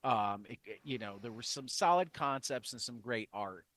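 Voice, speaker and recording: A man's voice: medium pitch, animated, moderate pace, fairly bright tone. Rambling male podcast co-host. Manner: rambling, with many restarts and fillers. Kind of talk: casual chat.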